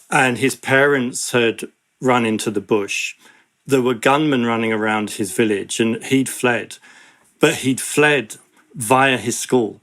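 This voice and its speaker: A man, an education advocate, speaking in an earnest, measured way in an interview. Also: mid-range voice, fairly bright tone. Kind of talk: reflective interview talk.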